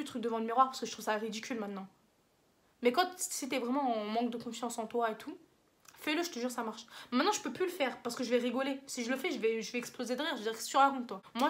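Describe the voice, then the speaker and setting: A woman's voice: on the high side, a bit bright. A young woman with a French accent giving casual advice in a vlog, rambling and slangy, often laughing at herself. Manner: rambling, slangy, self-mocking. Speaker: vlogger.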